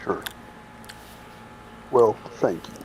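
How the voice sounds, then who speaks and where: A man's voice: extremely slow, darkish tone. A man playing a tabletop game, talking in a teasing drawl. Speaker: player. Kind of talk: casual tabletop play. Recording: dull lo-fi audio with faint noise.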